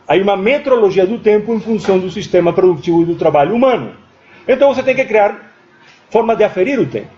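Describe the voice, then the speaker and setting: A man with a high, darkish voice lectures academically as a guest in a university lecture room. He thinks out loud, restarts himself, and frequently adds "certo?" after making a point, heard through a dull, lo-fi recording.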